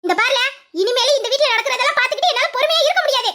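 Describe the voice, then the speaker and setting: A performer voicing a nagging, shrill middle-aged village mother, in an audio drama. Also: very fast, pushed and bright, heavily acted. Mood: angry scolding.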